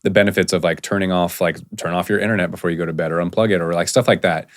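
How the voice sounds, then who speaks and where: A low-pitched man hosting a podcast, talking casually and rambling through stories with plenty of fillers and restarts. The sound is dry and close, with no room echo. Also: steady tone, racing. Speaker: podcast host. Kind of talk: casual conversation.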